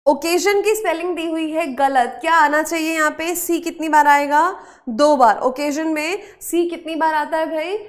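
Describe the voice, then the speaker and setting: A woman's voice: high-pitched, moderate pace. A woman teaching an online spelling and vocabulary class, mixing Hindi with English words and coaxing students by repeating each question and answer.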